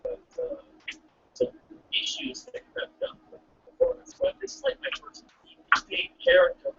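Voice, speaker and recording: A podcast host with an extremely high, slightly bright voice chats casually over a call at normal speed, laid-back, jokey and swearing now and then. The call audio is distant and lo-fi with faint hiss.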